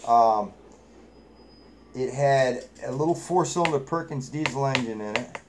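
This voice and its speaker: Speaking unhurriedly in a mid-range voice, a middle-aged man with a New England accent runs a live chat. He tells folksy, salty stories that ramble and are full of filler words.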